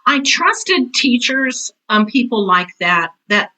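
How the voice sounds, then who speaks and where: An older woman in her sixties or beyond, a veteran theater teacher, speaks as an interview guest with a higher-pitched voice and a slow pace on a low-quality recording. She is blunt, candid and conversational, telling animated stories and often acting out remarks she once made.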